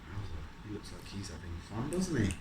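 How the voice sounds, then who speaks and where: In a low, sing-song voice and at a brisk clip, an adult reads a picture book to a young child. The tone is encouraging: questions guide the child, answers get confirmed, and story phrases are drawn out. Some background noise and a roomy echo come from the echoey home room.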